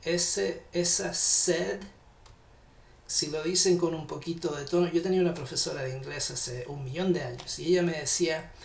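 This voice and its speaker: A man with a Chilean accent, teaching an English lesson, speaking patiently and deliberately to his learners. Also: on the high side, fairly even intonation, creaky, reverberant. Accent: Chilean Spanish. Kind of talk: classroom lesson explanation.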